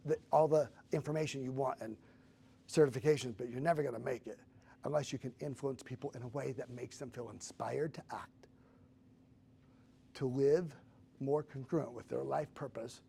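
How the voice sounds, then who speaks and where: A man's voice: mid-range voice, gravelly, dark tone, slight background noise. A man in his fifties, a guest telling his own story in an earnest, emotional way, with casual fillers. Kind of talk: candid personal storytelling.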